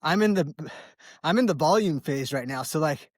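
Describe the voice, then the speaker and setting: A man's voice: fairly high pitch, animated, moderate pace, no room sound, clean studio sound. An American man in his early forties chats casually and ramblingly for a vlog while running outdoors on a trail, in a laid-back, slangy way. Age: early 40s. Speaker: trail runner vlogging.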